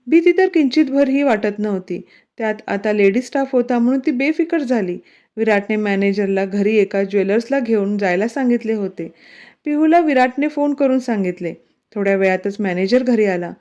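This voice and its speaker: A woman narrating a romantic story in a gentle, scripted storybook style. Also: mid-range voice. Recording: dull, lo-fi recording.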